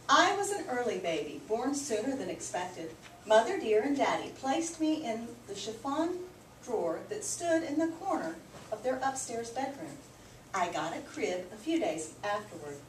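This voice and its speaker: A teacher reads a picture book aloud with lots of expression, her pitch swinging widely as she stresses the story clearly for young listeners. She sounds very animated and keeps a moderate pace. The mic sits a little way off, and the recording is roomy and noisy.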